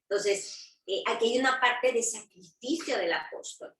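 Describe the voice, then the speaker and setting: Woman, Bible study teacher, fairly high voice, explains and checks in with tag questions, echoey room, mic a bit far off. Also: measured pace, a bit bright. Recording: roomy sound from a distance.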